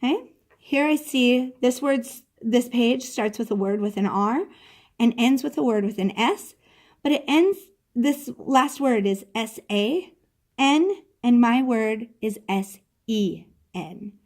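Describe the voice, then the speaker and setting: A woman's voice: on the high side, darkish tone. A woman teacher giving a patient classroom lesson, spelling out words letter by letter as she explains a step.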